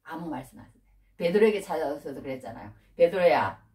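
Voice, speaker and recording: A woman preacher delivering a lively sermon, acting out scolding dialogue as she talks to her congregation. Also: fairly low pitch, brisk, far from the mic. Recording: echoey room, voice from off the mic.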